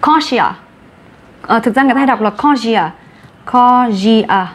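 A woman with a Vietnamese accent teaching English vocabulary in an online class, brisk and encouraging, mixing Vietnamese and English. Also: on the high side, a bit bright.

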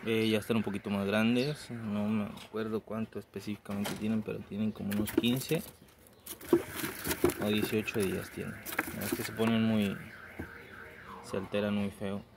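Guy, gravelly lowish voice, talking about his bunnies in the yard, noisy phone audio. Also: normal speed. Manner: chatty and relaxed, coos softly to baby rabbits. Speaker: rabbit breeder vlogger. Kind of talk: casual vlog. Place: outdoor backyard rabbit hutches. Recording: noisy outdoor phone recording.

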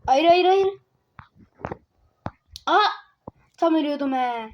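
A woman giving casual gameplay commentary, excitable, teasing other players and yelping or muttering to herself while she plays. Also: high voice, lo-fi sound, slight background noise. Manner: excitable, yelps and mutters to self while playing. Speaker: gaming video creator.

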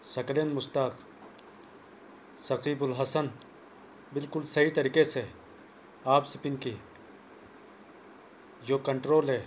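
Young man, slow earnest tutorial, lapel mic, faint room hiss. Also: mid-range voice, steady tone. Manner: plain, repetitive, earnest instruction. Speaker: cricket coach vlogger. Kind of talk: casual spoken tutorial. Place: small indoor room. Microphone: clip-on lapel mic, phone camera close.

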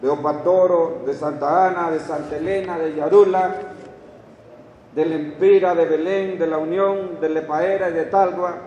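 A man's voice: on the high side, fairly even intonation, normal speed, darkish tone, lo-fi sound, slight background noise. Honduran guy in his 50s at a podium, formal speech, reading off names and towns, big echoey hall, mic kinda far off. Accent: Honduran Spanish. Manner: reads long lists of towns and names from a page, with asides. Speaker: official speaker at a graduation ceremony. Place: large indoor hall, at a lectern. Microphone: lectern microphone. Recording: echoey hall recorded from a distance.

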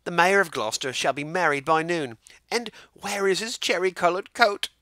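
A man's voice: sits high, moderate pace, sharp tone, dry recording, studio quality, voice pushed up. A man voicing a poor, weary old male tailor in a storybook, speaking in a strained, raised lament. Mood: fretful.

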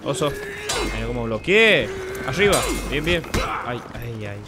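A man hosting a gaming channel, giving excitable play-by-play commentary and repeating short exclamations over and over. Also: mid-range voice, a little slow, very noisy. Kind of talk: live gameplay commentary.

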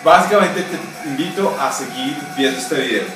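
A young man giving casual, energetic voice-coaching tips straight to the viewer in a vlog, calling him "amigo" as he goes. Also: mid-range voice, moderate pace, loud music behind the voice. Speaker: voice coach vlogger. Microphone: camera mic at a distance. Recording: echoey room, voice far from mic.

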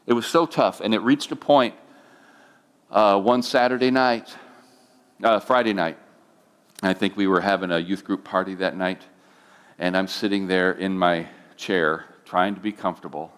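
Middle-aged pastor guy, lowish voice, tells his testimony with lots of feeling. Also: fairly even intonation, moderate pace, pauses often, fairly bright tone, smooth. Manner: emotional storytelling, voice rising when moved. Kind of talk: sermon testimony.

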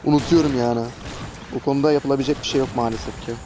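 A man's voice: medium pitch, steady tone, rapid-fire. A man giving casual, chatty gameplay commentary as a gaming host, often exasperated and cursing at enemies. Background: traffic noise.

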